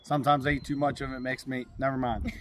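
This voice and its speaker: A man's voice: medium pitch, little pitch movement, fast talker, fairly bright tone. A young man taste-testing pie on a family cooking channel, upbeat and joking, at times talking with his mouth full. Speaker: taste tester. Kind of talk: casual chat.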